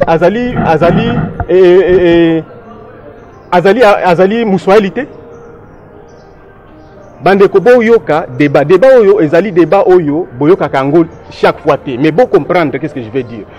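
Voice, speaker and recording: A man's voice: high-pitched, darkish tone, highs cut off. Emphatic man lecturing. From DR Congo. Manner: emphatic, lecturing, lists places and dates. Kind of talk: political discussion.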